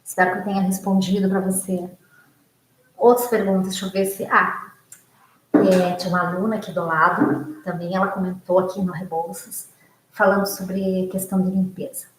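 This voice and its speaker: A woman's voice: mid-range voice, level tone, moderate pace, reverberant, rough recording. A Brazilian woman psychologist in casual talk, answering her students' questions, often tagging "né?" onto her sentences. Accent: Brazilian Portuguese. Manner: warm, conversational, many "né?" tag questions. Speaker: psychologist and teacher.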